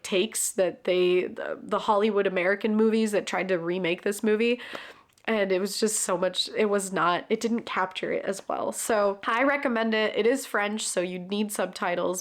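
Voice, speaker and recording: A woman talking casually about favorite stories, chatty and loose, swearing now and then and acting out quotes. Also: mid-range voice. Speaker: book and film reviewer. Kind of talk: casual recommendation talk.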